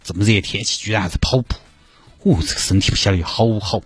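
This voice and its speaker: A man with a Sichuanese accent telling a comic story in an animated way, full of exclamations. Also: on the low side, quick pace, breathy edge, dry recording, faint music behind.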